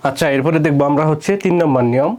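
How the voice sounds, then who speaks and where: A male teacher walks through rules step by step. He keeps posing questions and answering them himself, repeating key phrases. His voice sits a bit higher than most men's. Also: steady tone, very fast, a little mellow, slight background noise. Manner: repetitive, asks and answers his own questions. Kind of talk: spoken lesson on pronunciation rules.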